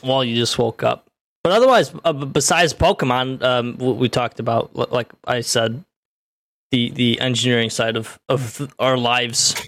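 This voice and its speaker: A man's voice: medium pitch, moderate pace, a bit bright, no echo. Teasing man hosting a casual chat.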